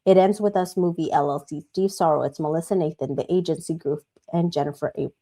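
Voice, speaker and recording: A woman reading court filings aloud as host, in a formal, measured manner. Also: low-pitched, fairly even intonation, dark tone. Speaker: host and reader.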